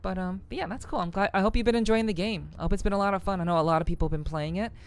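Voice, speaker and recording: A woman chatting casually on a livestream in a friendly, welcoming way, her throat a little rough. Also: mid-range voice, racing, slight background noise. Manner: friendly, chatty, gushing thanks and greetings. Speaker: streamer. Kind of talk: casual livestream chat, greeting viewers.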